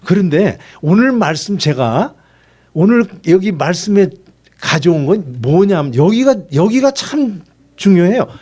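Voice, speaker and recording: Man, pastor, sermon, conversational, high voice, lively pitch. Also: unhurried. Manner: conversational, acts out dialogues.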